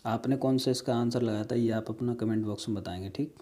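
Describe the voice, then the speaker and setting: A man's voice: medium pitch, steady tone, fast talker, dark tone. A man teaching an exam-prep spelling lesson, going through questions step by step and asking viewers rhetorical questions. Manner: explains step by step, repeating words and "ठीक है".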